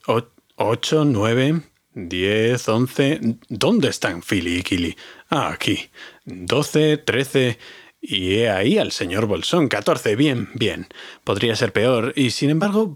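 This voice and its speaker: A man voicing an old, wise male wizard in an audiobook, counting and musing slowly and deliberately. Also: mid-range voice, dry recording, studio quality. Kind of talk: audiobook character voice.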